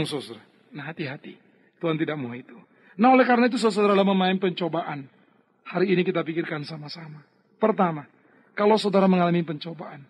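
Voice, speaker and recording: A man delivers a sermon as pastor, his voice pitched high and slightly husky. He hammers key words loudly, then drops to hushed, almost murmured asides to his listeners. The delivery is emphatic and pastoral throughout. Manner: emphatic preaching, sudden swings from loud to hushed, addresses listeners as "saudara".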